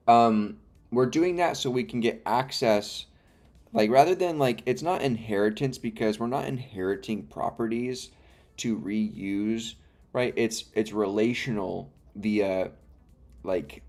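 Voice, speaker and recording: A man's voice: on the low side, slow pace, darkish tone. A man hosting a live coding stream with the hiccups, muttering code steps to himself and explaining in a rambling, self-correcting way. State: has the hiccups. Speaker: livestream host. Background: faint music and keyboard typing.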